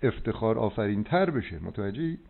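A man's voice: lowish voice, sing-song, gravelly. A man giving health advice as a doctor on a phone call, preachy and insistent, checking that he is understood. He is heard over a landline phone line. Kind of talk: phone consultation. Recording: tinny phone line with faint hiss.

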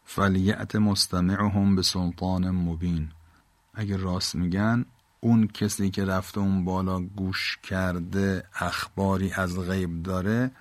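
Low-voiced man explaining scripture. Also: flat delivery, no echo. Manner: explains each verse word by word, recites Arabic then paraphrases. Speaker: Quran teacher. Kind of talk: Quran exegesis lesson.

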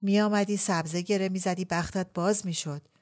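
A woman's voice: medium pitch, fairly even intonation, natural voice. A woman reading the part of a crude, flirtatious middle-aged male official in a teasing manner.

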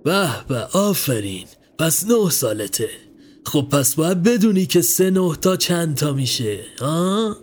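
Man doing a kind older man, slow and coaxing, teasing questions, fairly high voice, read-aloud story. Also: sing-song, slight background noise. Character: kindly older man with a basket of rabbits, gently coaxing.

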